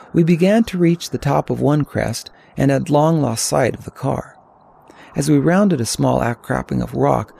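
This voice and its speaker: An older man reads a first-person tale aloud, calm and descriptive. His voice is heavily gravelly and husky, with a dark, mellow tone. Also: mid-range voice. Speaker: narrator. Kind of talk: scripted audiobook narration.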